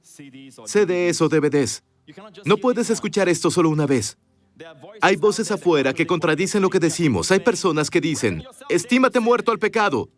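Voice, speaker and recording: A man with a voice that sits high preaches emphatically for a dubbed sermon, recorded in a voice-over studio. Throughout, he asks the congregation rhetorical questions.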